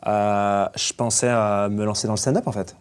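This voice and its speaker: A man's voice: lowish voice, flat delivery, moderate pace, smooth. A man playing a real-estate agent character as a guest in a comedy sketch, earnest and rambling. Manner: earnest, mock-serious and rambling. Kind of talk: mock interview comedy sketch.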